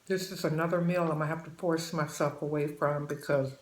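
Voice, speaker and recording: Here her voice is low and steady, moving briskly in a roomy-sounding space. The sixty-something host eats while she talks on her channel, giving down-home, maternal advice to the viewers she calls babies.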